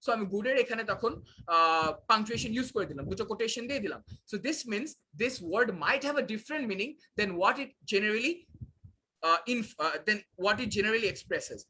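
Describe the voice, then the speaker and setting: High, bright-voiced tutor. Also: male voice, lively intonation, unhurried, slight background noise, low-quality recording. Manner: switches between Bangla and English, frequent "uh" fillers. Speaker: teacher. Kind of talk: live online class lecture.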